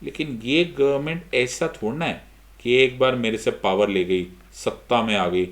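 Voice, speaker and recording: A man's voice: medium pitch, unhurried. A middle-aged Indian man teaching an exam-prep lesson, switching between Hindi and English with an Indian accent and putting questions to himself before he answers them. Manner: lively, mixes Hindi and English, asks and answers his own questions. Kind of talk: online lecture.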